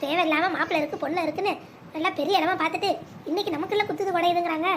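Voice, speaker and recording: A scheming middle-aged cartoon woman frets and mutters to herself, as a woman puts her on. The voice sits very high and runs quick, with a fretful, plotting edge. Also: steady tone, slight background noise. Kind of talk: animated family drama voicing.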